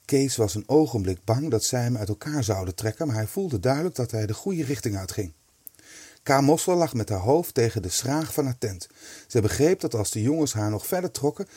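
A man reads a children's storybook with lively, expressive narration. His voice sits in a middle pitch. The recording is dry and close, with no room sound. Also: breathy edge, dry recording.

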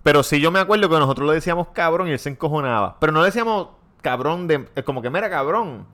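A man's voice: on the high side, racing. A man with a Puerto Rican accent, co-hosting a podcast and telling stories in casual chat, acting out the voices of the people he quotes. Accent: Puerto Rican Spanish. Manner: animated storytelling, acts out quoted voices, laughs often. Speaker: podcast co-host.

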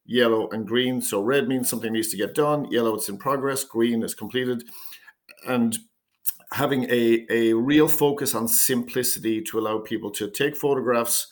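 Founder man explaining his product steadily. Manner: measured pitch, repeats words when starting phrases. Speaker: company founder. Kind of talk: business interview answers.

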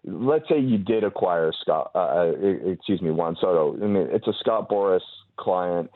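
Guy phoning into sports radio, deep voice, careful and halting, phone sound. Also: animated, no echo. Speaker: baseball columnist, radio guest. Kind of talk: phone interview answers. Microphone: telephone. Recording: muffled, narrow phone line.

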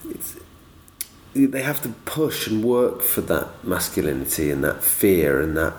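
A man talking casually about acting, slowly and hesitantly, with frequent uh and um. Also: sits low, very animated. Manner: slow, hesitant, fills pauses with uh and um. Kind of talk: casual film discussion. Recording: roomy, slightly distant.

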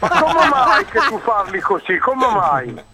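A man's voice: high voice, sing-song, slow, bright, forceful tone, slightly rough, faint music behind. A man on a phone call, confused at first, then indignantly warning the caller to watch himself. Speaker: prank call victim. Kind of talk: phone conversation.

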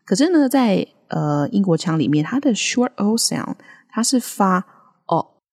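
A woman co-hosting a casual podcast lesson, modelling English words slowly between frequent laughs. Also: mid-range voice, big pitch swings, darkish tone, husky. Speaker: podcast co-host teaching English accents. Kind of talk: casual language-lesson chat.

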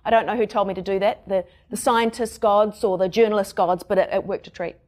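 A woman's voice: medium pitch, fairly even intonation, a little fast, a little mellow. A woman reporter with a New Zealand accent, chatting casually about a story she covered, with lots of fillers. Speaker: science reporter. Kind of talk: conversational radio chat.

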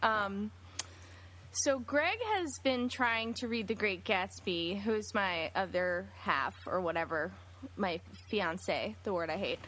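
A woman's voice: medium pitch, slow, a bit bright, a little hiss or hum. A woman co-hosting a podcast, telling a chatty anecdote in casual conversation. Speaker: podcast co-host. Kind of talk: casual chat.

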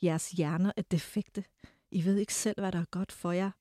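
A man's voice: sits high, steady tone, warm tone, dry recording, clean studio sound, close to an everyday voice. A woman reading aloud as a haughty, condescending male suitor who lectures and scorns. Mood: contemptuous.

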